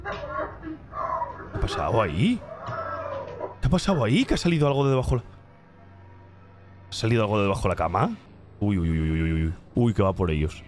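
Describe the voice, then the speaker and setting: A man giving excited reaction commentary on a video, breaking into exclamations and laughs as he watches. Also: lowish voice, quick pace, long pauses. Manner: animated, bursts into exclamations and laughs. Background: music from the video he is watching.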